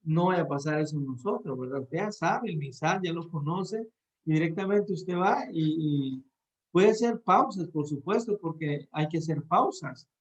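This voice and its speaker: A man's voice: on the high side, animated, normal speed. A man teaching a class on how to preach, talking directly to his listeners and often restarting his phrases. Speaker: preaching instructor. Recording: dull lo-fi sound.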